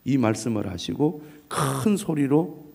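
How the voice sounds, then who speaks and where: A middle-aged man, a pastor, preaching an early morning sermon in a measured way and reading scripture aloud. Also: medium pitch, lively intonation, vocal fry, darkish tone, slightly rough.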